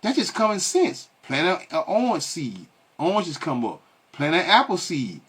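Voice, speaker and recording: A man with a somewhat high, breathy-husky voice delivers a blunt commentary on clips he plays. He scolds his audience and keeps asking rhetorical questions and answering them himself. He stalls on fillers before pressing on. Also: very animated, normal speed, a bit bright. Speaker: online religious commentator. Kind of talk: ranting commentary on video clips.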